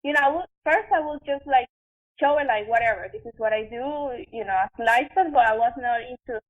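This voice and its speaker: A young woman with a Venezuelan Spanish accent and a high voice tells her story as a podcast guest; she's an actress and chef. She talks casually, halting and restarting with lots of fillers, and the audio is thin, narrow, tinny and band-limited.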